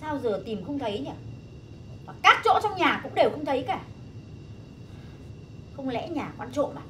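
A woman's voice: big pitch swings, normal speed, sharp tone, a little hiss or hum, exaggerated voice, poor audio. An actress playing a suspicious, scolding middle-aged mother-in-law in a TV drama. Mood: puzzled. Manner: scolding, shrill when angry. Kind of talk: TV drama acting.

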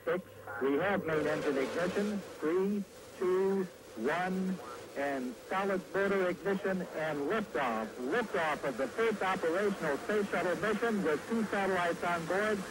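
A man giving launch countdown commentary over radio as an announcer, counting in a measured, emphatic way. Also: high voice. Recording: noisy old launch broadcast.

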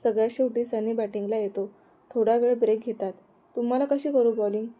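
A woman's voice: on the high side, fairly even intonation, fairly quick, mellow. A woman narrating a romance story, reading the characters' dialogue in her own voice.

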